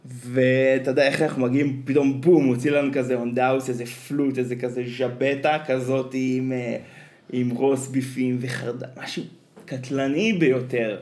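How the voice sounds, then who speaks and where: Podcast host, man, mid-pitch, lively rambling storyteller, roomy echoey sound. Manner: animated storyteller, many fillers. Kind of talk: casual chat. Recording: roomy echo.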